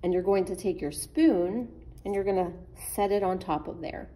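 At a wooden table indoors, a woman with a medium-pitched, mellow voice walks children through a craft one simple step at a time. She speaks at a moderate pace with the patience of a children's librarian.

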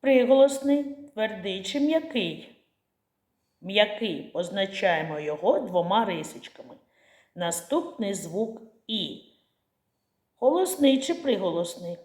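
A woman teacher talks to small children in a slow, deliberate way, spelling out each step and answering her own questions. Her voice sits at a middle pitch, and the room around her is echoey. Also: big pitch swings, a little mellow. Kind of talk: slow clear lesson for young children.

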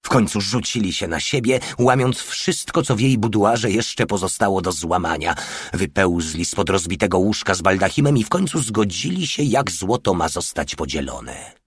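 A man narrating an audiobook with steady, wry storytelling. His voice is low and husky, recorded close and dry. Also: moderate pace, no room sound. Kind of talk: scripted narration.

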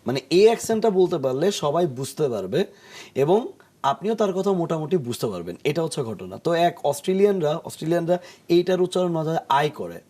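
Male TV studio guest, teacher type, mellow tone in a slightly high register, patient explainer with frequent hesitations. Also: expressive, brisk. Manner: explains patiently, acts out jokes in English, many hesitation sounds. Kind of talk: explanatory talk-show conversation.

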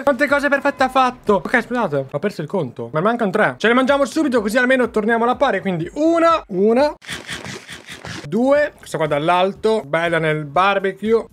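High-voiced excitable Italian young man. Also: a little hiss or hum. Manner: animated, chatty, addresses viewers as "ragazzi". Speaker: gaming YouTuber. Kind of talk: excited gameplay commentary. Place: home gaming room.

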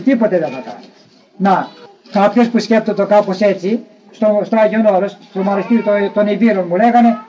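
Older high-voiced man preaching, lo-fi. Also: mellow. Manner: plain, repetitive teaching, restating phrases for emphasis. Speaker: monastic elder preaching. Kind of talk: sermon. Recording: dull lo-fi recording.

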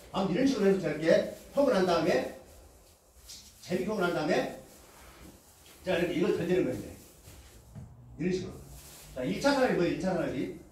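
Brief: fast, high-ish male lecturer from Jeolla, lively call-and-response style, recorded from afar in a booming hall. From Jeolla region, Korea. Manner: lively call-and-response, acts out quoted lines, laughs often. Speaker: motivational lecturer. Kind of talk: animated lecture to a live audience. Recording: echoey hall, heard from a distance.

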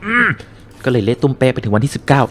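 A man commentating a horror game as he plays it, excitable and joking, with frequent exclamations. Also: mid-range voice, quick pace. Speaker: gaming streamer. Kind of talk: casual let's-play commentary. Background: game music.

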